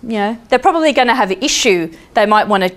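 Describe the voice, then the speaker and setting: An Australian woman telling a story on stage, lively and acting out the voices of the people in it. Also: on the high side, fast talker. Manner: lively, acts out voices and laughs at her own jokes. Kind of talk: live storytelling talk. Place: stage before an audience.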